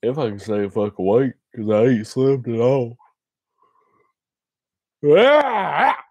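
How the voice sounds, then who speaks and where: A man's voice: medium pitch, steady tone, normal speed, mellow, no room sound. Southern guy livestreaming, very dry close sound. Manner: crude, heavy swearing, folksy slang. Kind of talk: casual livestream chat.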